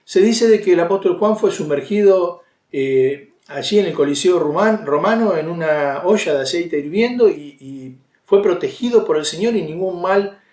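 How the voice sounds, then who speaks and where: A man's voice: high-pitched, lively intonation, normal speed, few pauses, darkish tone, roomy sound. A man with an Argentine accent preaching a sermon in a conversational way, with many fillers and restarts. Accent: Argentine Spanish.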